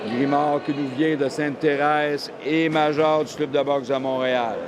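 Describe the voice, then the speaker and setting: Male boxing commentator, colloquial Quebec accent, slightly high voice, live from a noisy venue. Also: flat delivery, moderate pace.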